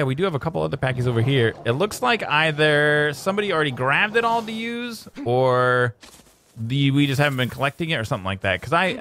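A young man giving excitable let's-play commentary, yelping and joking at the animals. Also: a little high, slight background noise. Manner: excitable, yelps and jokes at the animals. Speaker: gaming YouTuber.

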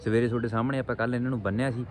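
A man's voice: mid-range voice, little pitch movement, racing. A man chatting informally to viewers like mates in a rustic, casual vlog. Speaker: pigeon-keeping vlogger. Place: outdoors on a rooftop at a home. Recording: noisy outdoor ambience, birds behind. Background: birds and outdoor ambience.

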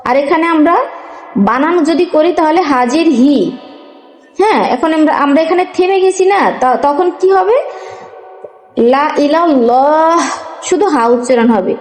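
A woman's voice: high voice, normal speed, darkish tone. A woman teaching a Quran reading lesson, patiently spelling out letters and asking questions as she goes. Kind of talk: step-by-step recitation lesson. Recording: echoey room with long reverb.

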